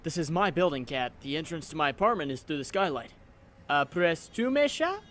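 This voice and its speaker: A man's voice: fairly high pitch, sing-song, a little fast, fairly bright tone. A man voicing an earnest, self-doubting and wry young superhero in a comic book dub, with theatrical delivery. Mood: wry, breezy.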